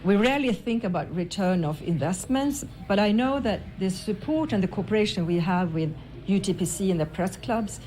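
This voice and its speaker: Mellow-voiced woman from Sweden, formal interview. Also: medium pitch, expressive, normal speed. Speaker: ambassador. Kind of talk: interview remarks. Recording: noisy location interview, ambient sound.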